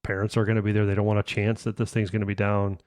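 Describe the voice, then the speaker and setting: A man's voice: lowish voice, monotone, fast, darkish tone, dry recording, studio quality. A man hosting a podcast, telling a sales story in a casual way, often restarting his sentences and adding "right?". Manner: conversational, frequent restarts and tag questions. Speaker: podcast host.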